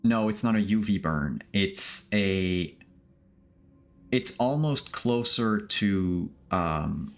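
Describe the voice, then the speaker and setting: A man narrating a tabletop role-playing game as game master, thinking aloud in a halting way. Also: fairly low pitch, lively intonation.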